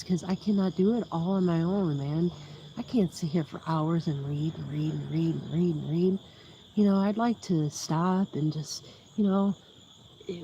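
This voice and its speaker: A woman with a lowish, mellow, soothing voice hosts a YouTube livestream, chatting casually and rambling. She laughs often and keeps losing her train of thought. The audio is dull, with slight background noise.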